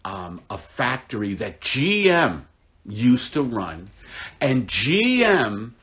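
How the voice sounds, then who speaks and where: A middle-aged man hosting a casual live-stream, talking in a dry, deadpan, mock-gloomy, rambling way. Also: medium pitch, slow.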